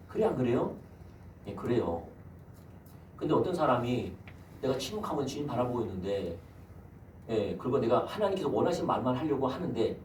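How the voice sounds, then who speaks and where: A man's voice: mid-range voice, a little mellow, a little hiss or hum. A man, the senior pastor, giving a Sunday sermon and putting rhetorical questions to his congregation. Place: church sanctuary. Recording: echoey church hall, mic at a distance.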